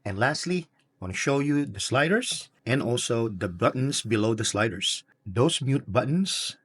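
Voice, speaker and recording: A man's voice: medium pitch, animated, unhurried, fairly bright tone, husky, no room sound, clean studio sound. A man demonstrating a product step by step. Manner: plain step-by-step explaining. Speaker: product reviewer. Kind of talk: product demo.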